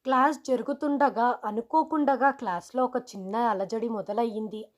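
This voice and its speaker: A woman reading a scripted first-person story in a steady, measured way. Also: on the high side.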